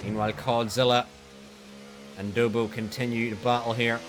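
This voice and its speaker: A man giving live motorsport commentary on an online racing league in an excitable manner. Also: mid-range voice, moderate pace, a little hiss or hum. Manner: excitable, builds to shouting during incidents.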